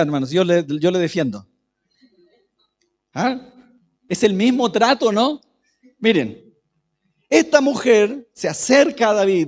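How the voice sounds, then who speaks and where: A man preaching a sermon as pastor, chatty, often turning questions to the congregation. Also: high-pitched. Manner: conversational, asks the congregation questions, varies loudness. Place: church. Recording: echoey church hall.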